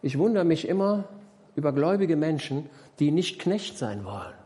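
A man's voice: a little high, sing-song, moderate pace, warm tone. A man preaching a sermon, explaining a parable and questioning his congregation, emphatic and repeating key phrases.

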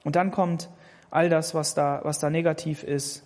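An emphatic preacher delivers a sermon, addressing each listener personally and repeating words to press a point. The voice rings out with a long reverb from a large church hall. The pitch sits in a middle range. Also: little pitch movement, normal speed, a little mellow.

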